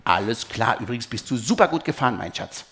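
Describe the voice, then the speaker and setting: Storybook figure: a man playing a patient, fond dad, natural voice with a lively lilt. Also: medium pitch, fast. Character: kind, patient dad, sometimes stern.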